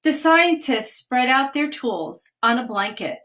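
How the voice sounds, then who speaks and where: A woman who writes children's books reads one aloud on a live stream, using a phone or webcam microphone. Her slightly raised voice sits high with lively intonation, moving a little slowly and gently through each line, and she occasionally pauses to point out what's in the pictures.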